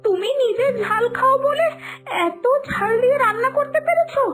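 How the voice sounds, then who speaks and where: A woman plays an angry young sister-in-law in a cartoon story, shrill and accusing, close to tears. Her voice is very high. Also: lively intonation, moderate pace, fairly bright tone.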